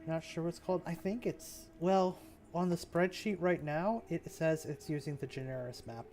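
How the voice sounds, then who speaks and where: A man casually thinking aloud as he builds a game map, musing and talking to himself in an unhurried way. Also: a little high, steady tone, a little mellow, faint music behind.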